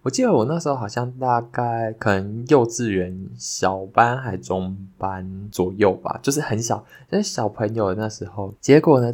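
A young man hosting a podcast, telling a childhood story in a casual, animated way that turns sincere when he gives thanks. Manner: animated, jumps higher when retelling the scary parts. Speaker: podcast host.

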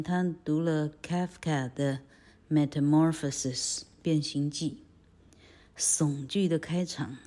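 Slow, low-voiced woman teacher. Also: warm tone. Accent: Taiwanese Mandarin. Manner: chatty, frequent filler "ha", self-correcting; spells out words letter by letter. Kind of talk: casual lesson on a picture book.

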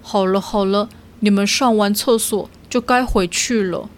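A woman's voice: mid-range voice, fairly even intonation, a little slow, natural voice. A woman voicing a cheeky, grumpy little sea otter who talks in a whiny, impatient way in a children's storybook.

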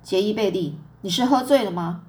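A woman's voice: fairly high pitch, expressive, brisk, close to an everyday voice. A woman doing a stern scolding mother. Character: stern, exasperated farm mother.

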